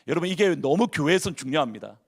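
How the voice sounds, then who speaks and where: A man's voice: fairly high pitch, expressive, fast. A male pastor preaching a sermon in a church, asking the congregation questions and acting out people's inner worries. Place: church sanctuary.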